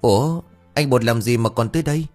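A man's voice: mid-range voice, brisk, faint music behind, lightly acted. A man voicing a polite, puzzled young female nurse.

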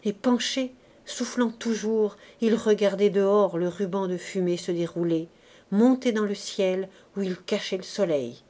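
A woman narrating a literary audiobook in a medium-pitched voice. Her reading is expressive and dramatic, leaning into the tension of each sentence. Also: measured pace. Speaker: audiobook reader.

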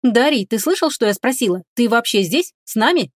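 Woman doing a high, insistent young healer. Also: expressive, a little fast, no room sound, studio quality.

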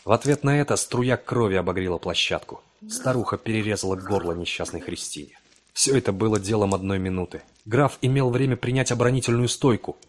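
A man reading a horror tale in a measured, dramatic storytelling voice. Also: fairly low pitch, slight background noise. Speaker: audiobook narrator. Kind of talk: scripted dramatic narration.

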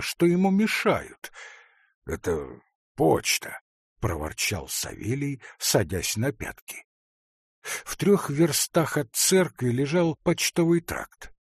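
Male audiobook narrator: slow and expressive, husky, dry. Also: medium pitch, no echo. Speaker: audiobook reader. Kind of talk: scripted narration.

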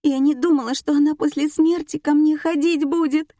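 A woman reading an audiobook, voicing a frightened teenage girl who sobs with guilt in a high, strained voice. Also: fairly even intonation, normal speed, warm tone, dry recording, lightly acted. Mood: sobbing guilt.

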